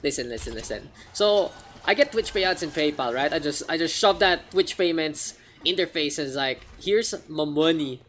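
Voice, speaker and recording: A woman's voice: deep voice, animated, normal speed, a bit bright, a little hiss or hum. A woman with a Filipino accent doing casual, joking live game commentary as a streamer. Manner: casual, joking, mixes English with Tagalog. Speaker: esports caster and streamer.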